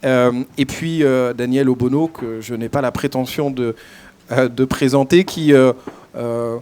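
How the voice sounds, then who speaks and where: A man moderating a conference, introducing speakers in halting, unscripted short phrases full of hesitation. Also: mid-range voice, darkish tone, smooth.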